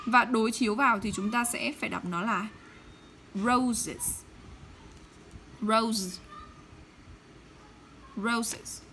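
A woman teaching English pronunciation in Vietnamese, modeling English words slowly and checking often with her students. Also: on the high side, pushed and bright, slight background noise. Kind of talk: pronunciation lesson.

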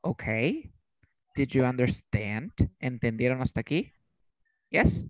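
A man's voice: mid-range voice, animated, takes it slowly, dry recording. Dry-sounding male teacher quizzing students. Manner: quizzes students with repeated questions. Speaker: English teacher. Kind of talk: online class teaching. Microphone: video call.

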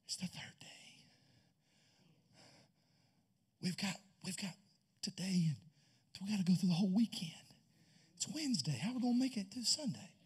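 A man's voice: high-pitched, sing-song, quick pace, slightly rough, voice pushed down, exaggerated voice. A pastor whispering as a frantic father of the groom. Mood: panicked. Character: panicked father of the groom, middle-aged man. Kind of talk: whispered role-play.

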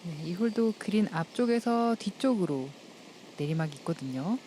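A woman's voice: on the low side, animated, normal speed, mellow, slight background noise. A woman giving polite, explanatory analysis as a commentator on a live golf broadcast.

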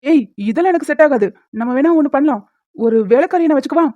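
A woman's voice: sits high, quick pace, no echo, lightly acted. Cartoon husband, bickering and whiny, voiced by a woman, tinny dry phone-like sound. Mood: protesting. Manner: loud protesting outbursts. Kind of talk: Tamil cartoon dubbing.

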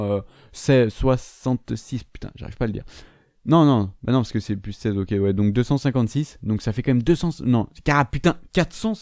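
A young man with a French accent, his voice worn hoarse, giving live commentary on a mobile game and swearing angrily at his opponents. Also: medium pitch, warm tone, no room sound. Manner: swears a lot, quick to anger, rants at opponents. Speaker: gaming video creator.

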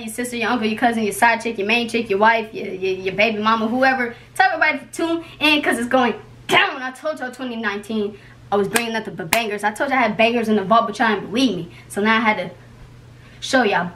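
A woman's voice: fairly high pitch, a bit bright, a little hiss or hum. Playful slangy young woman vlogging. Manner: playful, slangy, chatty rapid-fire patter. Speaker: YouTube vlogger host. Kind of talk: casual vlog chat to camera. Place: indoors at home.

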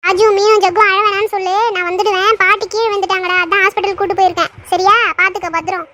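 Woman doing a quick reassuring cartoon mother, high voice, noisy background. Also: little pitch movement. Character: busy mother on the phone, reassuring.

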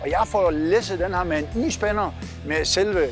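Standing outdoors beside parked trucks, a trucker vlog host in his forties narrates casually to camera in a Southern Jutland Danish accent. He's cheerful, upbeat and chatty, pointing as he talks, and his voice sits fairly high for a man. A lapel mic picks him up, with faint music underneath.

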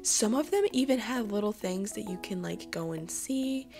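A woman's voice: mid-range voice, lively intonation, moderate pace, music in the background. Sick-sounding chatty woman gamer. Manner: chatty, upbeat, rambling with fillers. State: sick, hoarse voice. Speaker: game video creator. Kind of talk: casual gameplay commentary.

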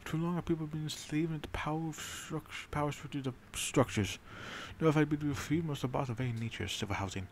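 A man's voice: a little high, fast, gravelly, few pauses, a little hiss or hum, pitched above the performer's own voice. A man doing a fiery revolutionary leader. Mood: rousing. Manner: grandiose, declamatory. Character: fiery male revolutionary leader proclaiming freedom.

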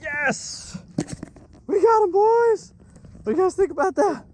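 Extremely high in pitch, this father's voice rushes out excited, repeated instructions as he helps his young sons catch fish from a small boat. It's casual coaching while filming outdoors on open water, recorded by an action camera on the boat with wind and boat noise.

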